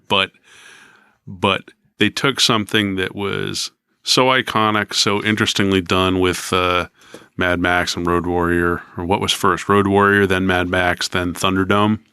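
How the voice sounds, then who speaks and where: A man's voice: sits low, little pitch movement, a little slow, pushed and bright, smooth, no room sound, studio quality. A man in his fifties co-hosting a podcast in casual chat, rambling and hesitant with frequent ums. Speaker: podcast co-host.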